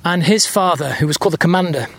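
A storyteller narrates as he walks the countryside outdoors. His voice sits a touch high for a man. He muses aloud, hesitant and full of pauses, and sounds a little out of breath from the climb. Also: gravelly, a bit bright, slight background noise. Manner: musing, hesitant with many fillers.

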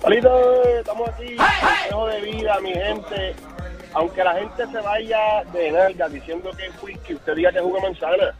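A man's voice: high voice, expressive, normal speed, over loud music. A man, calling into a radio show and cracking jokes over the phone. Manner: wisecracking. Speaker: caller. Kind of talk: joking phone call. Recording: dull phone line.

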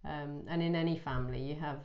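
A woman's voice: deep voice, fairly even intonation, fairly quick, highs cut off. A woman hosting a casual podcast interview, speaking affectionately. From Scotland. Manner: warm, affectionate. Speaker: podcast host.

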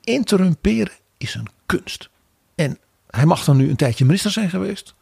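A man co-hosting a political podcast, giving wry, animated commentary. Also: sits high, moderate pace, gravelly, breathy edge, dry recording, studio quality. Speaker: podcast co-host. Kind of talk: political analysis chat.

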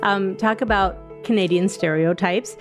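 A woman from New Hampshire hosts a podcast, asking friendly, curious questions in a casual interview. Her voice is mid-range and her speed normal, with music playing underneath.

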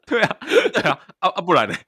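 A young man, co-hosting a casual podcast with quick, teasing reactions and casual swearing. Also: sits high, big pitch swings, pushed and bright, slightly rough, dry recording, studio quality. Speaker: podcast co-host. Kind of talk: casual chat.

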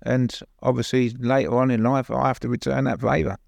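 A man's voice: medium pitch, level tone, brisk, creaky, a little mellow, dry recording, highs cut off. An older man with an East London accent, recollecting plainly as an interview guest, often adding "you know". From East End of London, later Suffolk. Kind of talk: conversational personal recollection.

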